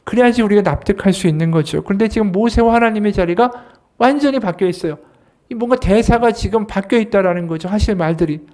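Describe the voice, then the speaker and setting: A man's voice: high voice, quick pace, darkish tone. A man, an associate pastor, preaching an earnest sermon and voicing quoted scripture and dialogue with emphasis.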